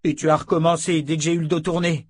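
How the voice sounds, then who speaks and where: A man voicing an angry young thug in an audiobook, shouting accusations. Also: a little high, level tone, fast talker, slightly rough, no echo, studio quality, pitched above the performer's own voice. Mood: furious. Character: young hot-headed male thug.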